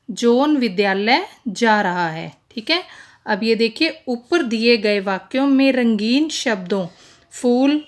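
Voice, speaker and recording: Slow, patient woman teacher. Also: a little high. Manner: slow, patient, repeats "ठीक है" and reads out letters one by one. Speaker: school teacher. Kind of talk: recorded classroom lesson.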